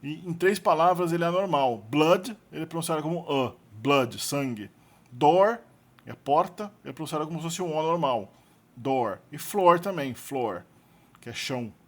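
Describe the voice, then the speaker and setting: A man with a Brazilian Portuguese accent teaching a recorded lesson, explaining slowly and deliberately and repeating each example word. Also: a little high. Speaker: language teacher.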